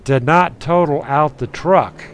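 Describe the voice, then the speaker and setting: A man's voice: a little high, a little slow, a little hiss or hum, low-quality recording. Chatty man calling a sim truck race. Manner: folksy, chatty asides between race calls. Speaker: sim racing announcer. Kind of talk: play-by-play race commentary.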